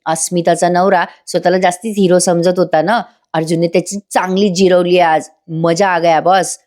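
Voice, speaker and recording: A woman's voice: lowish voice, flat delivery, moderate pace, a little mellow. Chatty woman recapping a TV episode. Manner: chatty, addresses viewers directly. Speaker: TV serial reviewer.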